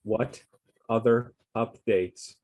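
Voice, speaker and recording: Man's husky voice breaking up over a call. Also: medium pitch, steady tone, takes it slowly. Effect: remote stream breaking up, audio dropping out. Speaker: commission member. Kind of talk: casual meeting talk. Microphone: joining by video call. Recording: tinny, narrow-band call line.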